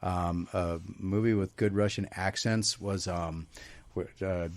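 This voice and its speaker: A man hosting an interview, jokey and halting, laughing often. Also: deep voice, steady tone, a little mellow, no room sound. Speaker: podcast host. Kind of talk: casual interview chat.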